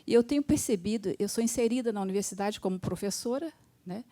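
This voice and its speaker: Woman, 50s, from Minas Gerais, audience question, earnest and critical, mellow voice. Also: mid-range voice, quick pace. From Minas Gerais, Brazil. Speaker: surgeon and literature student asking a question.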